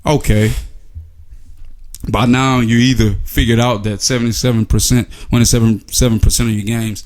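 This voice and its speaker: A man's voice: medium pitch, little pitch movement, normal speed, darkish tone. A man delivering a casual, sarcastic opinion monologue, full of rhetorical questions and filler words. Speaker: sports commentary vlogger.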